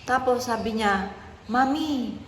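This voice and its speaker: A woman's voice: a little high, slow pace. Earnest mother telling a story. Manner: soft, earnest storytelling with polite address. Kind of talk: casual vlog talk. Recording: echoey room with faint noise.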